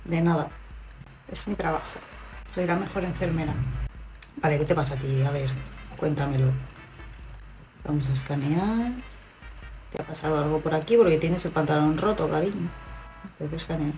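Playful woman with a lowish voice. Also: moderate pace, pauses often, warm tone, soft background music, low-quality recording. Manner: playful, chatty, talks to the patients with mock-professional pride. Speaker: gaming video host. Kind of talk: casual gameplay commentary.

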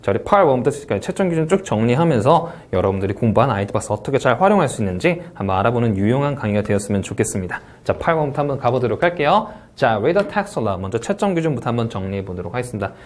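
A man, an English speaking test instructor, giving an exam review lecture in Korean with energetic, repetitive emphasis on key points. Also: medium pitch, rapid-fire, hardly any pauses. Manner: energetic, repeats key points, says "자" often.

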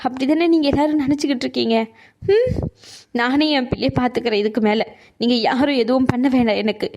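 Cartoon young mom, hurt and bitter; high voice, reproachful outbursts. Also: female voice, quick pace, a little mellow, slight background noise. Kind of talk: cartoon voice acting.

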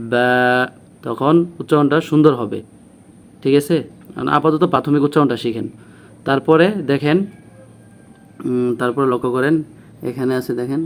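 A man teaching a beginner Arabic lesson, patiently repeating phrases and sounding out each letter slowly. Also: medium pitch, a little hiss or hum. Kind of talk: classroom lesson.

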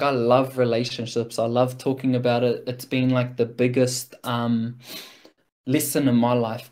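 A man's voice: medium pitch, a little mellow. A man with a broad New Zealand accent giving a reflective, casual motivational talk in an earnest, informal way, with slang and frequent check-in questions. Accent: broad New Zealand (Kiwi). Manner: earnest, informal, peppered with slang and rhetorical "right?".

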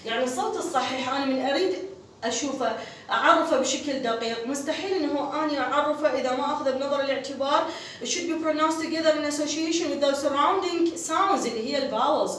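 An Iraqi woman lectures in a high voice, going back and forth between Arabic and slow, careful English. She repeats each point and keeps checking in with her listener. The sound is distant and very echoey, with a faint hiss underneath. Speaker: university phonetics lecturer. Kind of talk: classroom lecture. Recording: echoey room, mic far from speaker, faint noise.

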